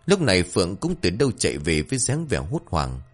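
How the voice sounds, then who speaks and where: A man narrating a dramatic story with an expressive, rising and falling delivery. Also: low voice, a little fast.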